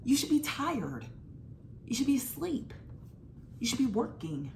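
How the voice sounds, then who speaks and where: Her voice sits on the high side, gravelly and warm, with big swings in pitch and a bit of background noise. A woman in her twenties, she riffs on a movie in a chatty, emphatic way, packing in "like" and other fillers while lurching between rapid bursts and drawn-out words.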